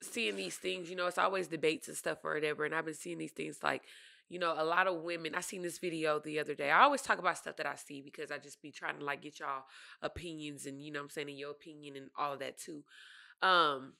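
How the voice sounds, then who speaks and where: A woman's voice: sits low, fast talker, vocal fry. A woman co-hosting a casual podcast, telling blunt, slangy stories with frequent laughter. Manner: animated storyteller, laughs often, slangy and blunt. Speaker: podcast co-host. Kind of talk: casual chat.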